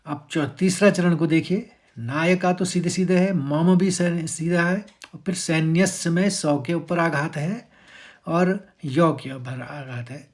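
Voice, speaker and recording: A man teaching how to pronounce a Sanskrit verse, patiently breaking words into syllables and chanting the lines louder and drawn out. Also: a little high, a little slow. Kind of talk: verse pronunciation lesson.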